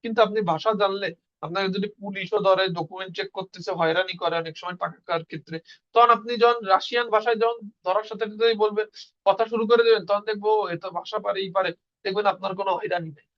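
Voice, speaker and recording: A man's voice: high voice, fairly even intonation, fast, fairly bright tone, muffled recording. A man teaching Russian in an online class, explaining step by step and answering his own questions.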